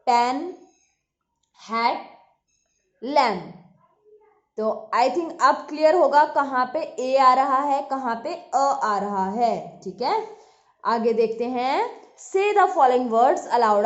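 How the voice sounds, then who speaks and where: Lady teacher going over vowel sounds real slow, kinda high voice, echoey room, muffled lo-fi sound. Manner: slow, patient, repeats words aloud for pupils. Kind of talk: classroom lesson explaining vowel sounds.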